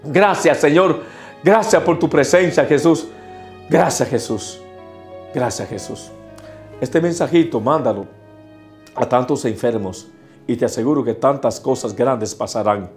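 A man's voice: medium pitch, unhurried, pauses often, roomy sound, soft background music. A man, a priest, leading an intercessory prayer with fervent, repeated invocations.

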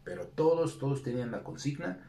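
A man's voice: mid-range voice, fairly quick, a little hiss or hum. A middle-aged man with a Mexican accent, a retired wrestler telling stories in a casual interview and acting out the dialogue. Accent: Mexican Spanish. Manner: animated storyteller acting out quoted dialogue. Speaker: retired lucha libre wrestler, guest. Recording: echoey room, voice from off-mic.

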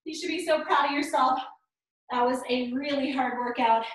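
Exercising along as she coaches, this woman in her thirties gives counts and cues at a moderate pace with a high voice, pushing and cheering her listeners on. The home room is small and bare, so the distant camera mic picks up plenty of echo.

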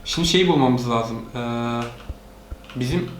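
A man with a medium-pitched voice speaks a little slowly as he hosts a casual let's-play on his gaming channel. He narrates each move for viewers while playing along with his child as a parent. The room is echoey, with faint noise.

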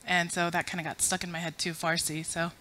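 Talking a little fast in a fairly low, flat voice that sounds pushed and bright, an Afghan-born woman in her thirties runs audience polls during a chatty, self-deprecating conference talk to a full room. She uses a podium mic, with slight background noise.

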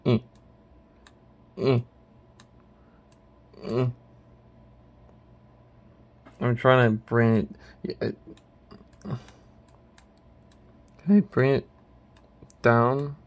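Slow, rambling man. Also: medium pitch, steady tone. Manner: rambling and hesitant, many restarts. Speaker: channel host. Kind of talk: casual commentary while ranking a tier list.

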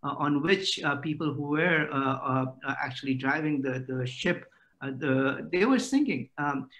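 A man's voice: on the high side, normal speed, a bit bright. A middle-aged man giving an academic lecture over a video call, with many "uh" fillers.

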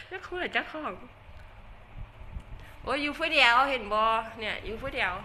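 Older woman, Isan Thai accent, chatty livestream talk, bright edgy voice, faint ambience behind. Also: high voice, lively intonation, a little slow, slight background noise. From Northeast Thailand. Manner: chatty, laughs often, self-mocking. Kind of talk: casual livestream chat reading comments.

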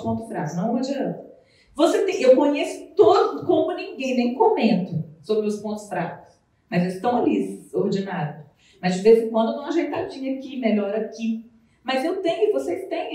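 A Brazilian woman from Minas Gerais with a Mineiro accent, giving an animated, chatty motivational talk as a nutritionist, with playful asides. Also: sits high. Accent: Mineiro Brazilian Portuguese. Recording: very echoey room, voice far from the mic.

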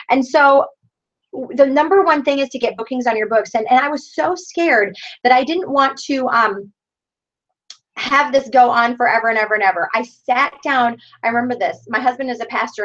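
A middle-aged woman gives an upbeat training talk to her team. Her voice sits a little high and she keeps rallying the group with "you guys". The video call audio sounds dull and lo-fi. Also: fairly bright tone. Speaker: sales director leading a team training.

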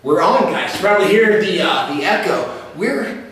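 A man's voice: high voice, expressive, moderate pace. A man hosting a ghost-hunting video inside an empty school, rambling casually and talking to unseen spirits, his voice echoing heavily off the bare walls. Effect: heavy echo bouncing around an empty building. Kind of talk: casual paranormal investigation vlog. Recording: echoey empty school hall with faint hiss.

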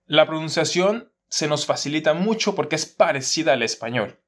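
A man's voice: on the high side, expressive, normal speed. A man, talking casually to camera as a language teacher, explaining with examples and asides. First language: Spanish.

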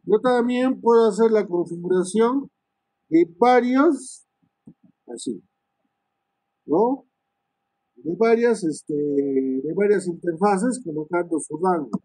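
A male networking instructor talks students through switch commands, thinking aloud, tagging lines with "¿no?" and filling pauses with "este". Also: sits high, lively intonation, warm tone, no room sound, low-quality recording. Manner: many "este" fillers and restarts. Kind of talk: live screen-share lesson on switch commands.

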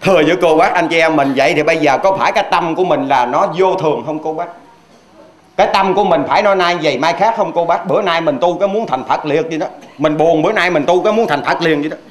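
Man, Southern Vietnamese accent, Buddhist preacher, folksy storytelling sermon, high voice, chatty rhetorical questions. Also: fast. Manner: chatty, addresses the audience directly with rhetorical questions. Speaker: Hoa Hao Buddhist preacher.

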